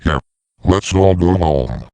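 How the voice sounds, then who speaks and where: A man voicing scripted dialogue for an animated story about talking machines. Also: low voice, slow pace, gravelly, no echo. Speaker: voice of talking siren characters.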